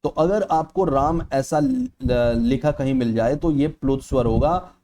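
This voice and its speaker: The teacher speaks at medium pitch and a measured pace, with a dark tone and a little hiss or hum in the audio. He explains exam material, checks in often with "ठीक है," and lengthens vowels aloud to demonstrate them.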